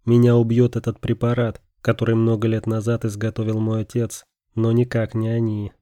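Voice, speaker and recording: A man voicing a determined older father, serious and measured in his words. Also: lowish voice, monotone, mellow, no echo, close to an everyday voice. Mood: grave.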